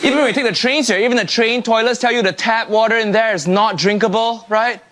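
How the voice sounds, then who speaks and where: A man's voice: extremely high pitch, steady tone, fast talker. A man from Malaysia performing a wry, sarcastic stand-up set in a conversational tone. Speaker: comedian. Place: TV studio with live audience. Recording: loud audience laughter and noise.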